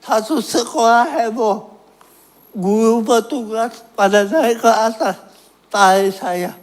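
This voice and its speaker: A man's voice: very high-pitched, slow pace. A man preaching a personal testimony, self-mocking and laughing at his own story, earnest when recounting his prayers.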